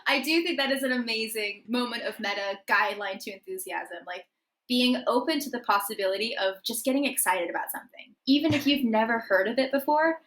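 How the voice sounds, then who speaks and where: A woman co-hosting a podcast, chatting in an animated, giggly way and explaining things eagerly. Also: fairly high pitch, fairly quick. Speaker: podcast co-host. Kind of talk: casual podcast chat.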